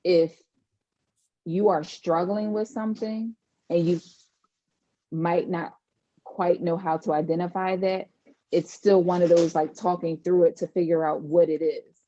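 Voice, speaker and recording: Measured woman therapist, lo-fi sound. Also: lowish voice, fairly even intonation, warm tone. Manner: measured, explanatory. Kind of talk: advice in podcast conversation. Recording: dull lo-fi sound.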